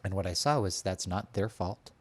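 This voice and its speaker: A man's voice: deep voice, moderate pace. A man as a podcast guest in casual conversation, talking openly and reflectively with many filler words.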